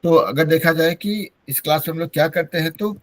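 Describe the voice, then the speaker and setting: A man's voice: on the high side, brisk, dry recording. A man from Bihar teaching an online English-speaking class over a video call, explaining patiently in a mix of Hindi and English. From Bihar, India.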